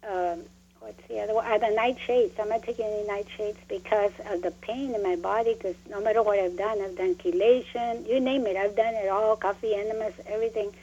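A woman calling in to a radio talk show over a phone line, talking in a halting, rambling way with many fillers. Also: medium pitch, fairly even intonation, dark tone. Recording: muffled phone line with faint noise.

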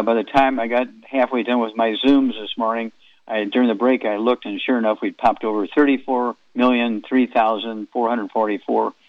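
A man's voice: mid-range voice, no room sound, narrow, tinny audio. A man in his eighties hosting a radio health talk, rambling and folksy with chatty asides. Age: 80s.

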